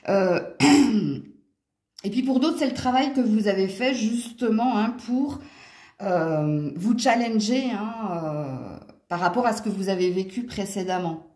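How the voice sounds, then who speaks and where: Her voice is medium-pitched and a little mellow, slow but lively in intonation, as she reads cards for viewers from home by a window. With a Franche-Comté accent, she chats casually about tarot and astrology, sprinkling in exclamations and "hein." The recording has a roomy echo.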